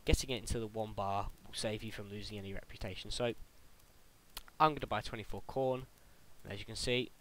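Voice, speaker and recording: A young man with a British accent talks through a game tutorial in a casual, chatty way, often tripping over his words and laughing them off. His voice sits on the low side. A faint hiss runs under the home recording. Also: steady tone, fairly quick, a bit bright, poor audio. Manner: chatty, stumbles and restarts, laughs at own slips. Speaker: gaming tutorial host.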